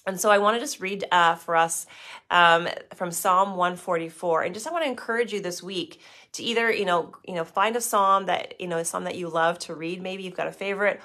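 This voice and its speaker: Middle-aged woman pastor, low voice, gentle and unhurried, devotional reflection with scripture. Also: fairly even intonation. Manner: gentle, unhurried, with many fillers and restarts.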